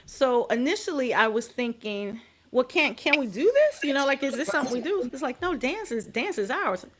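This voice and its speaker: A middle-aged American woman, a guest on a podcast interview, telling her story with expressive, emphatic phrasing. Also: high-pitched, moderate pace. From United States. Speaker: guest, dance and movement healer.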